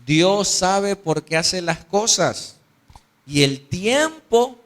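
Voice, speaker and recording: A man voicing a patient, wise old father who speaks slowly and soothingly in a sermon story. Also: high-pitched, very animated, a bit bright, voice pushed up, full character voice. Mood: calm. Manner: slow, measured, soothing.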